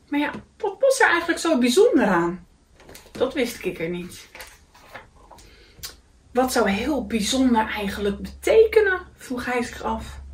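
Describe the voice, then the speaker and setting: A woman's voice: a little high, echoey room, far from the mic. A woman reading a children's picture book aloud, telling the story expressively and voicing the characters.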